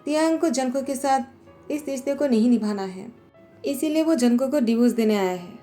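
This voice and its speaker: A woman putting on a meddling young man who keeps pushing and teasing. The read is slightly high and mellow, a storytelling recap with faint music behind. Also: normal speed, lightly acted. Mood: pushy.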